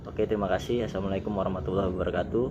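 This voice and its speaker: A man with an Indonesian accent gives a casual explainer lesson, reading out definitions, dropping in English technical terms, and calling his viewers friends. He's an air traffic controller and YouTube presenter whose low voice runs very fast with a fairly even intonation. The audio is dull and there's background noise.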